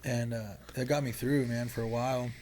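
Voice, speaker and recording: A man's voice: medium pitch, level tone, moderate pace, darkish tone, slight background noise. A young man sharing his story as a podcast guest, casual and candid, rambling with lots of filler and swearing. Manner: rambling, heavy use of "like" and swearing.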